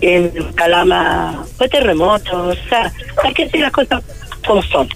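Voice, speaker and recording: A woman's voice: on the low side, animated, moderate pace, creaky, faint music behind. Chilean woman caller, earnest, insistent, choppy cutting-out phone line. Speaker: caller to a radio show. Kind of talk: casual call-in chat.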